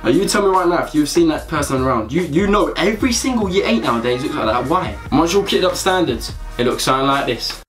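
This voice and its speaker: A man's voice: a little high, quick pace, hardly any pauses. A young man with a London or south-east English accent giving casual, slangy comedic commentary to camera, repeating words for emphasis. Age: young adult. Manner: animated slangy ranting, emphatic repetition. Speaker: comedy video presenter. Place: small bedroom indoors. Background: music.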